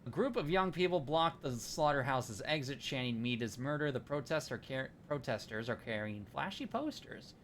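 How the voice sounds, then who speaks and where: Bright-voiced male game streamer. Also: medium pitch, lively intonation, normal speed, few pauses, a little hiss or hum. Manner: chatty, reads game text aloud, thanks viewers. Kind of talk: casual live-stream commentary.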